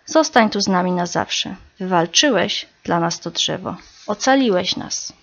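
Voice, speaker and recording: A woman's voice: lowish voice, animated, measured pace, fairly bright tone, heavily acted. A woman voicing a proud, puffed-up father hoopoe bird in a storybook reading. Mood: grateful. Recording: slightly dull recording.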